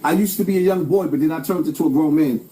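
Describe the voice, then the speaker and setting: High-voiced man ranting to camera. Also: quick pace, warm tone, slight background noise. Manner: emphatic, preachy, repetitive. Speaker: commentator. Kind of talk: direct-to-camera rant.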